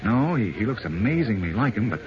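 An actor playing an earnest, watchful crime-fighting hero in an old radio drama. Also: male voice, on the low side, very animated, fairly quick, a crowd in the background. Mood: hesitant, intent. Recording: muffled noisy old radio recording.

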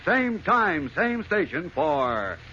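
A man's voice: sits high, very animated, slow pace, pushed and bright. A man announcing an old radio serial, narrating dramatically and addressing young listeners. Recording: muffled old radio recording with noise.

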